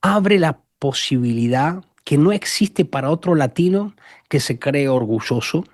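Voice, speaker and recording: A man from Argentina with an Argentine accent, a guest telling animated stories in a conversational interview. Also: on the high side, a little slow, no room sound, studio quality. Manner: animated storyteller, acts out quotes.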